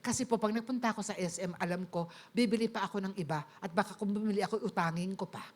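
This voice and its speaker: Talking quickly in a mid-range voice, a middle-aged woman from the Philippines delivers a personal testimony as a sermon. Her Filipino accent is clear, she speaks to listeners courteously, and English words slip into her speech.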